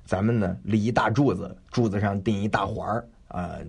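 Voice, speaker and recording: A man voicing a calm, learned physician in a spoken storybook tale, explaining in a measured, sometimes hushed way. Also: fairly low pitch, creaky, husky. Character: calm, learned male physician, patient and careful.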